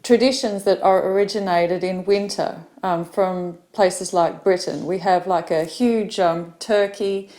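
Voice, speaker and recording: Slow-talking Australian woman teacher. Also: medium pitch, steady tone, dark tone. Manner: unhurried, with many fillers. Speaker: English teacher. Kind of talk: practice speaking talk.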